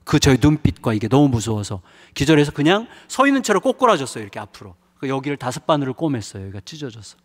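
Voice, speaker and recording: A man's voice: mid-range voice, big pitch swings, quick pace, few pauses. A middle-aged man preaching a revival sermon, telling a personal story in a frank, emotional way with frequent hesitations. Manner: confessional, emotional storytelling with many fillers. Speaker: pastor. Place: church sanctuary. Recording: reverberant church hall.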